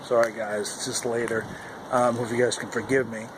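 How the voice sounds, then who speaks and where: A man chatting casually and haltingly to a handheld camera as a vlogger, rambling along outdoors. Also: mid-range voice, little pitch movement. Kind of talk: casual vlog chat to camera. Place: outdoors in the cold wind. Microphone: handheld camera at arm's length. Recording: windy outdoor recording, loud wind noise. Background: howling wind noise.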